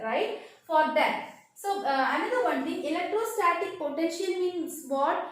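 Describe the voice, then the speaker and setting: A woman with a South Indian Tamil accent teaching like a lecturer, repeating key phrases and checking understanding with short questions. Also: high voice. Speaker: physics teacher. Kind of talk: lecture mixing English with another language. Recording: very echoey room, distant microphone.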